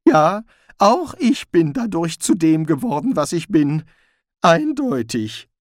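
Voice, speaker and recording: A man voicing a cowardly, panicky middle-aged wizard, shrill, frantic and sarcastic. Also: very animated, slow, no room sound, clean studio sound.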